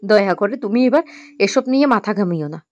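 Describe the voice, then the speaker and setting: A woman's voice: medium pitch, lively intonation, fast, darkish tone, no room sound, highs cut off, close to an everyday voice. A woman voicing a stern middle-aged mother who speaks firmly and reproachfully. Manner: firm, reproachful.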